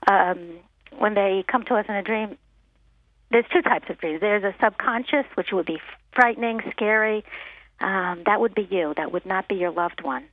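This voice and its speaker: A woman's voice: mid-range voice, moderate pace, no echo. A woman medium speaking as an interview guest, earnest and reassuring, often saying "you know". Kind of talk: phone-in interview. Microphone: telephone. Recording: narrow telephone line.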